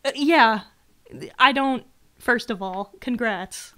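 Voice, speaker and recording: A woman with a fairly high voice hosts a casual livestream and tears into a letter she is reading out. Her delivery is sarcastic and exasperated, with plenty of swearing along the way. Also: slow, a bit bright, clean tone. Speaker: livestream host.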